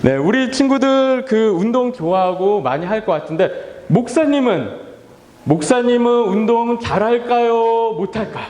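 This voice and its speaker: In an echoey church hall with long reverb, a playful male pastor delivers a children's sermon at normal speed, his voice high and very lively. He keeps quizzing the kids, leads call-and-response, and acts out little scenes, playing family members and sighing wearily himself.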